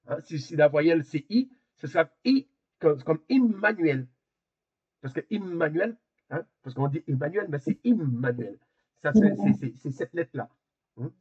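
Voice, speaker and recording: A man's voice: on the high side, expressive, moderate pace, darkish tone, husky, lo-fi sound. A man teaching a Hebrew lesson over a video call, explaining hesitantly and repeating words as he goes. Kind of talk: online class explanation.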